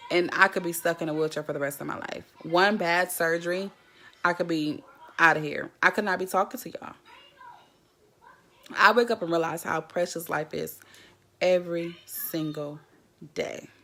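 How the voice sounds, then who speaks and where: A woman's voice: lowish voice, a bit bright. Chatty woman livestreaming. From Jackson, Mississippi. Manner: chatty, talks straight to viewers, greets commenters by name. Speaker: livestream host. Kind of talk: casual livestream chat.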